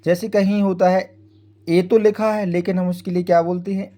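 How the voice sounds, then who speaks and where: A man with a slightly high, mellow voice teaches English phonics in a patient, repetitive way. He spells words out letter by letter and keeps checking in with his viewers. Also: little pitch movement, moderate pace. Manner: frequent tag "है ना" checking with the viewer. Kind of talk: Hindi-language English phonics lesson.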